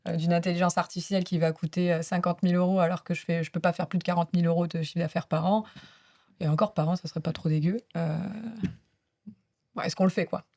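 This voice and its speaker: Low-voiced woman explaining casually. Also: level tone, fast talker, mellow. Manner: chatty, many fillers, laughs at herself. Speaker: panelist at a business talk. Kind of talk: casual spoken explanation to an audience.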